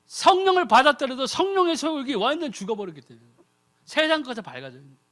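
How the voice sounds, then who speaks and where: Preaching as a deacon, this lay preacher peppers the congregation with rhetorical questions and mimics their prayers in mocking tones. He talks in a very high, sing-song voice, racing along with a sharp edge.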